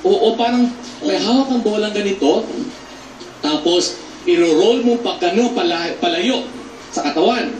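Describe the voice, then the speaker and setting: A man's voice: sits high, animated, normal speed, pauses often, a little hiss or hum. Man coaching voice in an echoey studio. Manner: patient, coaching, with loud demonstration shouts. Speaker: theater actor teaching voice to a child. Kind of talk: instructive voice lesson on a TV show. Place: TV studio with a live audience. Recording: echoey studio, mic some distance off.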